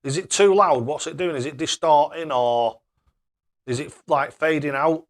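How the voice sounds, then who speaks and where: A man's voice: on the high side, normal speed. Matey man chatting on stream. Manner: self-deprecating, matey. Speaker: live streamer playing darts. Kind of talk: casual live-stream chat.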